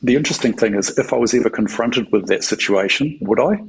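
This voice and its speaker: A middle-aged man from New Zealand, a military chaplain, telling a story in a halting, filler-heavy conversational way with a New Zealand accent. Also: medium pitch, gravelly, slight background noise, rough recording. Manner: halting, many fillers and repeated words.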